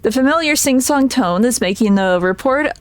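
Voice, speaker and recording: A woman streamer reading game dialogue aloud in a casual, giggly way, stumbling over words at times. Her voice sits a little high. The sound is close and dry. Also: lively intonation, normal speed, dry recording.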